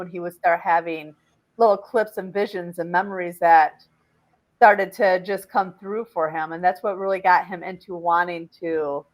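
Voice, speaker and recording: A woman's voice: lowish voice, poor audio. Woman hosting a panel discussion. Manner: explanatory, with frequent fillers. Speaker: podcast host and regression facilitator.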